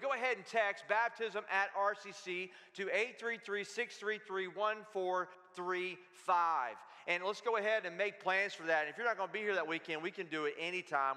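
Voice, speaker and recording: A pastor preaching an energetic sermon in a church, calling out to the congregation for answers. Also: male voice, high voice. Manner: energetic, calls out to the congregation for responses. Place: church sanctuary. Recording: long hall reverb in a church.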